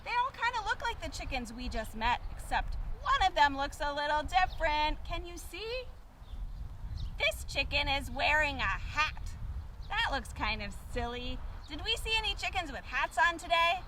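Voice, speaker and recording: A woman's voice: high-pitched, very animated, moderate pace, pushed and bright, slight background noise. A woman presenting to children as a kids show host, exclaiming and asking simple questions of her young viewers.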